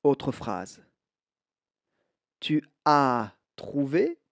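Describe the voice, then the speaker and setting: A man teaching a beginner French lesson, saying each example sentence and then repeating it slowly for learners to echo. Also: mid-range voice, big pitch swings, studio quality. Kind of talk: slow language lesson with repetition drills.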